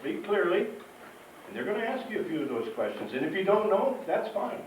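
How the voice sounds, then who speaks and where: Brisk and high-voiced, this man presents fire safety to schoolchildren at a live event, his intonation lively. He keeps things informal and instructive, often asking questions to make sure they follow. The sound comes from a distance in a very echoey hall, with faint background noise.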